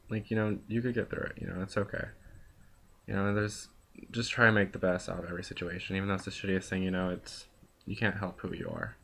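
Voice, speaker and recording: A young man speaks straight to his viewers in an unscripted confessional vlog. His voice sits a little low and has a gravelly, fry-laden edge. He rambles through his thoughts with constant fillers, earnest and at times bluntly profane. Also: a bit bright. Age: young adult. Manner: rambling, full of "like" and "you know". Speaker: vlogger. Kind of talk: casual confessional monologue.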